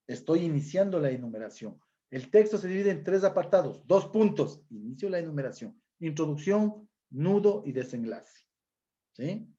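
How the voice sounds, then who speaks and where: A man's voice: on the high side, mellow. Male teacher with tag questions, lo-fi. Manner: explanatory, repeats points with frequent tag questions. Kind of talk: recorded school lesson on punctuation. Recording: dull lo-fi recording.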